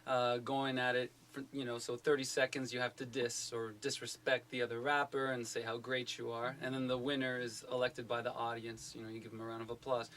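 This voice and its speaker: Man teacher, bright forceful voice, eager, rambling, faint noise. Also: medium pitch, flat delivery, a little fast, few pauses. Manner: explains in an eager, rambling way with many fillers. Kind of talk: radio interview.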